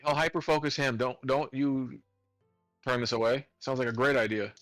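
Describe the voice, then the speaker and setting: Blunt, skeptical tabletop player. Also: male voice, medium pitch, moderate pace, fairly bright tone, no echo, soft background music. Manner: blunt, skeptical, swears casually. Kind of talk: casual tabletop chat.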